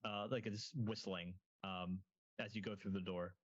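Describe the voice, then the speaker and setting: A man acting as game master, narrating scenes in a halting way with many ums and restarts. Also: low voice, fairly even intonation, lo-fi sound, heavy background noise.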